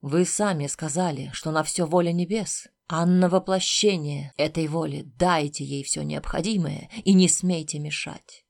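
A woman's voice: low voice, moderate pace, vocal fry, hardly any pauses, darkish tone, pitched below the performer's own voice. A woman voicing a commanding male ruler who gives firm orders. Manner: firm, authoritative.

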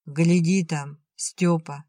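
A man's voice: fairly high pitch, fairly even intonation, slow pace, warm tone, no echo, studio quality. A man voicing a stern older village woman seeing her son off to war, in a storybook reading. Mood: gruff tender. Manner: stern, plain-spoken, commanding.

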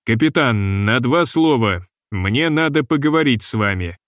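A gloomy, fussy ship's purser, as a male reader puts him on talks in a slow, mournful drawl. His voice sits in the middle range and sounds close and dry. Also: medium pitch, expressive, fairly bright tone, no echo. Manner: slow, mournful and long-winded.

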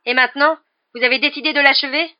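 A woman voicing a hot-headed teenage boy wizard who shouts in outrage, in a dull, muffled audiobook recording. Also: high voice, fairly even intonation, fast talker, voice pushed up, lightly acted. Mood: furious.

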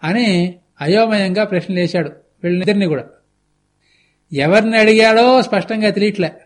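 A man's voice: sits high, moderate pace. A man giving a televised religious discourse, retelling a scripture story with explanatory asides and a conversational touch. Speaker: spiritual discourse speaker.

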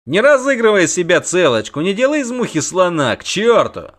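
A man reading an audiobook, voicing a gruff mercenary who curses and shouts. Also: high-pitched, sing-song, a little fast, voice pushed up, heavily acted. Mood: rough. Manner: coarse, shouting. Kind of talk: audiobook character voice.

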